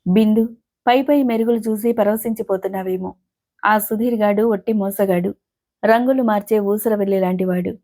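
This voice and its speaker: A man's voice: sits high, fairly even intonation, normal speed, warm tone. A woman voicing a jealous, angry young man who scolds and sneers, in a storybook reading. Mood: bitter. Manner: bitter, accusing, sneering.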